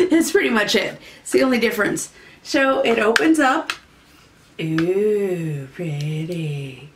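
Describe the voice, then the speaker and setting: A woman's voice: sits high, moderate pace, gravelly, slight background noise. A woman beauty vlogger casually chatting through a makeup unboxing, rambling and easily delighted, sometimes in a sing-song voice.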